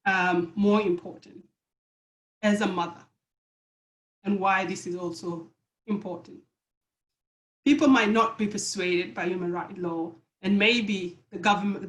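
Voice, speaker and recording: Earnest woman on an echoey video call. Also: medium pitch. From South Sudan. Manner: earnest, halting with repeated restarts. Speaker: panelist. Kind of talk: webinar panel remarks.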